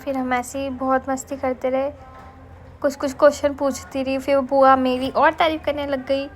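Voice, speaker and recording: A woman's voice: high-pitched, little pitch movement, normal speed, slight background noise. A young woman narrating her family vlog in a chatty voice-over, fondly describing her relatives and outings. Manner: warm, affectionate storytelling about family. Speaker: family vlogger.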